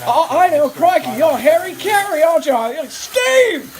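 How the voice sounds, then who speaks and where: Man doing a booming old baseball announcer. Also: sing-song, a little slow, a little hiss or hum, full character voice. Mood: blustery. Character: loud old-time baseball announcer, male, older.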